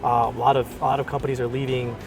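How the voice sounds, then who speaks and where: A man's voice: medium pitch, level tone, fast, vocal fry, music in the background. A man interviewing in a casual, informal and loosely phrased way.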